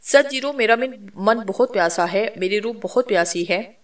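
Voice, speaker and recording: A woman's voice: medium pitch, normal speed, distant mic, natural voice. A woman reading as a bold young woman with spiritual powers.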